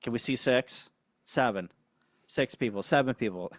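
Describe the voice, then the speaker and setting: A man in casual livestream chat, laid-back and chuckling as he reads viewer comments out loud. His voice sits at an ordinary middle pitch, and the recording is close and dry with no room sound. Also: moderate pace, dry recording. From United States. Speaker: co-host of a ham radio livestream.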